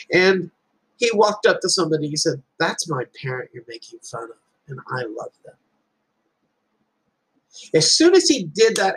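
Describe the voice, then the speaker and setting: A man's voice: on the high side, fairly bright tone, husky, rough recording. A middle-aged man giving an earnest, emphatic talk, telling a personal story as a parent and repeating key lines for weight. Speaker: speaker addressing a group.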